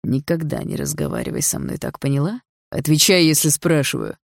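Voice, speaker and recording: A woman voicing a controlling middle-aged stepfather who speaks in a calm, menacing, condescending way. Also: low voice, brisk, vocal fry, no echo, studio quality. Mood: harsh.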